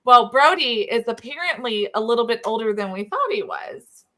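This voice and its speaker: A middle-aged woman with a drawl chats away as a show co-host, her voice pitched a bit high and bright. She tells stories in an animated, chatty way and laughs often. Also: normal speed. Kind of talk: casual storytelling chat.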